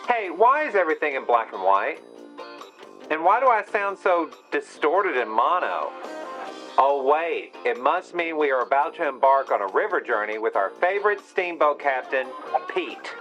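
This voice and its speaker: A man's voice: a little high, sing-song, normal speed, fairly bright tone. A man hosting a board game strategy guide, his voice heard through a distorted lo-fi mono effect, with wry, dry asides. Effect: distorted lo-fi mono sound. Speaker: host. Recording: dull lo-fi audio with faint music.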